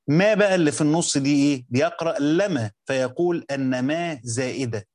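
A man with an Egyptian accent teaching a class on Quranic commentary. He explains step by step, repeats words and reads quoted text slowly. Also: on the high side, a little mellow, no room sound, clean studio sound. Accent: Egyptian Arabic. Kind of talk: classroom lecture with text reading.

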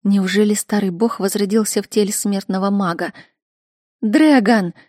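A woman narrating a first-person story in an even, measured reading. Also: mid-range voice, no echo, clean studio sound. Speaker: audiobook narrator.

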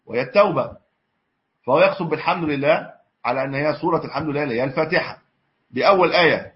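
Fast-talking sheikh teaching hadith. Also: male voice, on the high side. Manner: mixes classical Arabic with colloquial asides, self-correcting. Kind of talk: explanatory religious lesson. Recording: dull lo-fi lesson recording.

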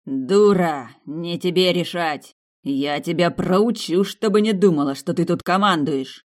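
A woman voicing a rude, domineering male tavern owner who talks in a gruff, barking way. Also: deep voice, measured pace. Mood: enraged.

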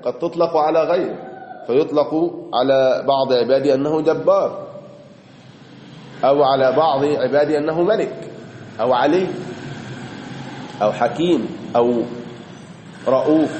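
A man with an Egyptian accent teaches a religious lesson in a mosque, his voice sitting a little high for a man. He reads a passage, then slows down and draws out the key words to explain them. The hall rings with a long, roomy echo. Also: warm tone, slight background noise. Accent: Egyptian Arabic. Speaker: Islamic teacher. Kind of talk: mosque lesson commentary on a creed text. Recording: echoey hall with long reverb.

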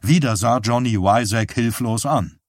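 A man narrating an audiobook in a measured storytelling manner. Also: mid-range voice, no echo, studio quality. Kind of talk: scripted narration.

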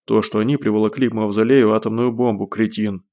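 Male narrator as a volatile brute, low and gruff, barking orders. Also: fairly even intonation, fast, darkish tone, close to an everyday voice. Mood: angry. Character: brutal, volatile man, growling and domineering.

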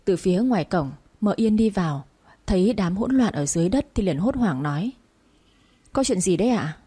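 A woman reading a story aloud as narrator in a steady, even manner. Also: medium pitch, fairly quick, slightly rough.

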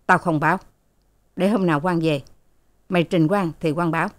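A woman's voice: fairly low pitch, steady tone, normal speed, natural voice. A woman voicing a bossy, harsh rich mistress who scolds her servants in a haughty manner, in a storybook reading. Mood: scolding.

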